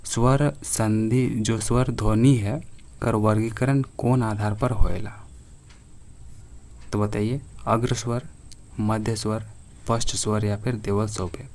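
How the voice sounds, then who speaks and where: A man teaching an exam-preparation grammar lesson to his viewers, reading each question slowly and clearly before explaining it. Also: lowish voice, fairly even intonation, darkish tone.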